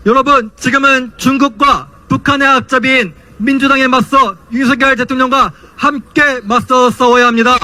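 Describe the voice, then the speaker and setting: High-pitched young man giving a rally speech. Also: steady tone, normal speed, few pauses, bright, forceful tone. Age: young adult. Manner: impassioned, declamatory rhetorical questions. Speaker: student speaker at a political rally.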